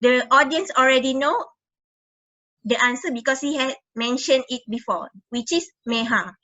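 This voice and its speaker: A young woman walks the class through her examples, often restarting and correcting her wording. Her voice is high and bright, with a sharp, clear edge. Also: moderate pace, highs cut off. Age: young adult. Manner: explanatory, repeats and corrects herself. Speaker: student presenter. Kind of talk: class presentation.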